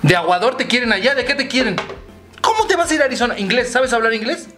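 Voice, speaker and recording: A man's voice: very high voice, animated, fast talker, pushed and bright, faint music behind, voice pushed up, full character voice. A man with a Mexican accent voicing a bossy rural father who scolds and mocks his son. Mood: scolding. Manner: scolding, mocking insults.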